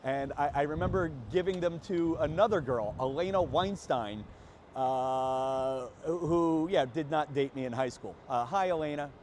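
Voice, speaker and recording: A man's voice: fairly high pitch, a little slow, darkish tone, a little hiss or hum. A man who is a comedian and host, talking in a casual, joking vlog monologue into a small remote microphone. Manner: joking, conversational. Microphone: small remote microphone with a phone.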